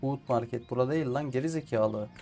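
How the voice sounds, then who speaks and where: Over soft background music, a streamer with a warm, medium-pitched voice talks a little fast as he plays a survival game. His let's play commentary is casual: he addresses himself and the characters, and his frustration comes out in frequent swearing at the game.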